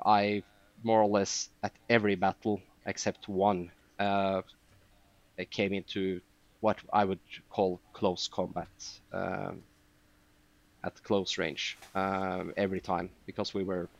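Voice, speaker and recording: A man's voice: on the low side, no room sound, lo-fi sound. A man chatting as a podcast guest, telling long rambling stories with many fillers. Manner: rambling storytelling with frequent fillers. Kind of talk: casual podcast chat.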